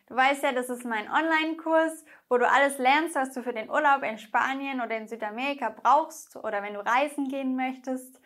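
Slow-speaking woman language teacher. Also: high voice, a bit bright. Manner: slow, clear, addresses viewer directly. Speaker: Spanish teacher. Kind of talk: online language lesson.

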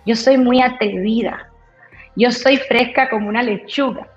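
A woman radio announcer telling her story in an interview, bold and lively, acting out the voices of people she quotes. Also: on the high side, measured pace. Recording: roomy echo, dull lo-fi sound, faint music.

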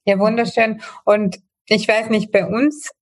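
A woman's voice: medium pitch, steady tone, unhurried. A woman hosting a podcast, welcoming a guest and asking long, rambling questions in a casual way. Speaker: podcast host.

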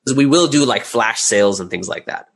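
A medium-pitched, husky and creaky male voice, expressive and brisk, belongs to an interview guest who runs a business making audio dramas. He explains it informally, often circling back over words while he thinks.

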